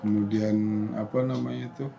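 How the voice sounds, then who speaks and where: A man's voice: medium pitch, little pitch movement, fairly quick, gravelly, dark tone, muffled recording, faint music behind. A man interviewing casually, chiming in with short agreements and follow-up questions.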